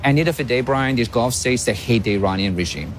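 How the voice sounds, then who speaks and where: A man's voice: medium pitch, animated, quick pace, a little hiss or hum. Male analyst, firm and emphatic, mid-range voice, guest on a talk radio interview. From Iran.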